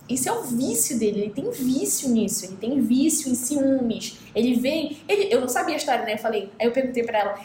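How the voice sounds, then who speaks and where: Woman, Brazilian Portuguese accent, casual chat, animated storytelling, very lively pitch, roomy echo. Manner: animated storytelling, acting out quoted dialogue. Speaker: podcast co-host. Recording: roomy echo, faint noise.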